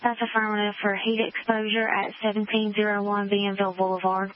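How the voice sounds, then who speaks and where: A woman working as an emergency dispatcher, giving brisk, clipped call codes over a two-way radio. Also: medium pitch, monotone. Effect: two-way radio transmission. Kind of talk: terse radio dispatch talk. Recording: muffled radio with faint hiss.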